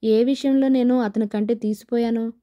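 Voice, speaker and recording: A spurned young man pleads and sneers in turn, voiced by a woman reading an audio novel. The voice is mellow and dark, yet fairly high. His lines come sarcastic and bitter. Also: steady tone, normal speed, lo-fi sound, lightly acted.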